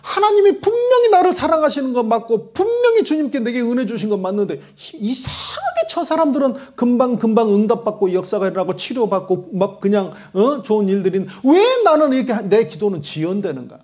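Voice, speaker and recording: A man's voice: extremely high pitch, very animated, a little fast, hardly any pauses, darkish tone. A male pastor delivering a sermon in a church sanctuary, preaching with emphatic, repetitive phrasing and acted-out quotes.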